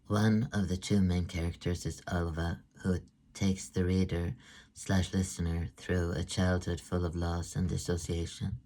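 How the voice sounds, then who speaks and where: A middle-aged Swedish author reads aloud to present his book, keeping a measured, even delivery. His low voice has a flat melody and a dark, mellow tone.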